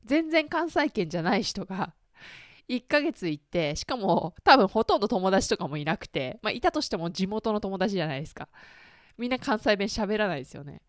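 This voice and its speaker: In a dry, clean studio recording, a thirtysomething woman hosts a solo podcast, speaking a little fast in a sing-song mid-range voice. She chats casually to her listeners, full of fillers, asides and self-deprecating questions.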